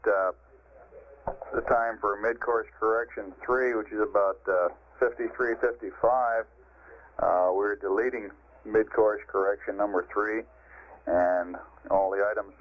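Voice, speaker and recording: An American man working as a mission control communicator, speaking in crisp procedural radio-check style over a band-limited vintage space radio link. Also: lowish voice, muffled recording.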